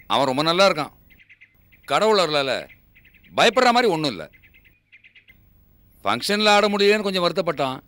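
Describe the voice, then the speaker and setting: An actor playing a kindly uncle bringing news in a hurry, in a TV serial. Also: male voice, on the high side, bright, forceful tone. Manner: hurried and kindly. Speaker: family elder, called uncle. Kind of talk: TV serial acting.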